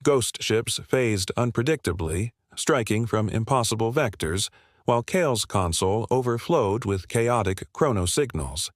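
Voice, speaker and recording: A man narrating a scripted sci-fi war story in a steady, dramatic way. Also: fairly low pitch, unhurried, no echo, clean studio sound.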